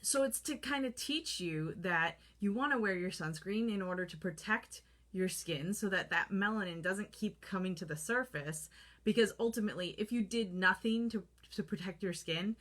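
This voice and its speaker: A woman's voice: fairly low pitch, a bit bright. Chatty woman vlogging to camera. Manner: chatty, lots of fillers, acts out her own reactions. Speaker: holistic skincare vlogger. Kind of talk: casual talking-to-camera vlog. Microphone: camera close up, holding products to the lens.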